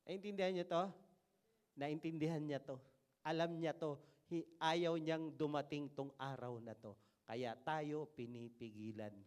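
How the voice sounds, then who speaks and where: A middle-aged man preaching a sermon as pastor, animated and joking as he reads scripture aloud. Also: on the high side, unhurried, smooth.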